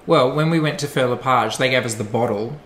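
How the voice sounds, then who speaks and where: A woman's voice: very deep voice, fairly quick. A woman chatting as a guest, full of jokes and laughter. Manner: joking, laughing, lively banter. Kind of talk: casual chat. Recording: roomy with faint noise.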